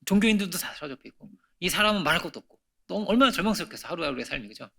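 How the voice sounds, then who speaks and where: A man's voice: a little high, big pitch swings, very fast, gravelly, sharp tone. A middle-aged man preaching a Sunday sermon in a church, talking conversationally, asking frequent rhetorical questions and swinging from emphatic peaks to near-whispers. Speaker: pastor. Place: church sanctuary.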